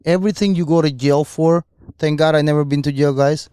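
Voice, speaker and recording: A man's voice: on the high side, steady tone, brisk, mellow, clean tone, dry recording, studio quality. A man who co-hosts a podcast and talks earnestly and motivationally about his life, at times searching for words. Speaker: podcast co-host. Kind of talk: casual podcast chat.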